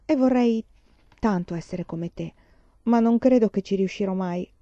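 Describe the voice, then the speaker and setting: Brief: impulsive teenage girl, voiced by a woman reading aloud, emphatic, mellow tone, dry audio. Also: mid-range voice, moderate pace, no echo, dull audio, lightly acted. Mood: earnest.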